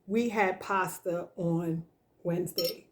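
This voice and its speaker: A woman around sixty chatting casually while she eats, telling homey stories slowly with plenty of fillers. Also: lowish voice, steady tone. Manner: slow, homey storytelling with fillers. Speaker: vlog host. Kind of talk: casual chat while eating.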